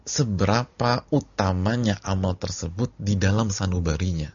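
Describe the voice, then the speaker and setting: A man preaching a sermon, casual and animated, swinging between loud and soft. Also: deep voice, moderate pace, husky. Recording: dull lo-fi audio recording.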